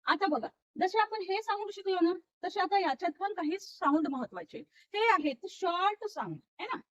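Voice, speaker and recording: Woman teacher with a very high voice, patient phonics lesson, dull recording. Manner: patient, sounds out letters slowly one by one. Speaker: English teacher. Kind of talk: classroom lesson explaining phonics.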